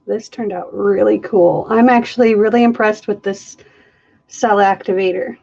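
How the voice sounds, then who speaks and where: Her voice is mid-range, darkish, and marked by vocal fry, with fairly even intonation and a moderate pace, on dull-sounding audio. She is a woman hosting a live fluid art demo in her studio, camera overhead on the table, chatting, laughing often, and poking fun at herself.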